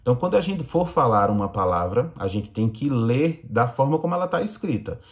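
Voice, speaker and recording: A man teaching young children in Brazilian Portuguese, explaining slowly and patiently in a recorded lesson. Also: medium pitch, sing-song. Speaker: primary school teacher.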